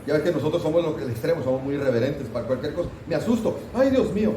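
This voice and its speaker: A man's voice: on the high side, very fast, mellow, far from the mic, a little hiss or hum. A pastor teaching a Sunday school Bible class, talking casually with his students and asking them questions, recorded in a church room. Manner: conversational, asks the class questions, mock scolding asides. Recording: roomy church hall, voice from off-mic.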